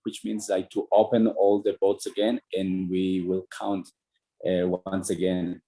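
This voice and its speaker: A man from Ecuador, a native Spanish speaker with an Ecuadorian accent, talking casually over a video call and pausing on many fillers and restarts. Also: deep voice, flat delivery, warm tone, poor audio.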